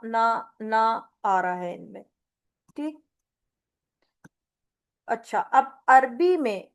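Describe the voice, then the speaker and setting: Lady teacher doing a grammar lesson, kinda high voice, talks slow, tosses in english words. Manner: explains slowly with repeated examples; mixes English terms into Urdu. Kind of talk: online Arabic grammar lecture.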